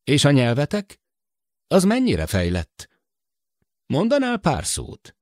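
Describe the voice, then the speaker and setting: A man's voice: a little high, huge pitch swings, no echo, studio quality, pitched above the performer's own voice. A man voicing a courteous, curious human explorer who asks probing questions in an audiobook. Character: polite, curious, calm human male explorer.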